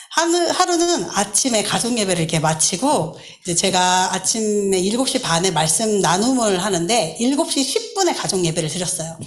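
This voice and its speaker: A woman giving a church class talk, telling a personal story and acting out quoted lines. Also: medium pitch.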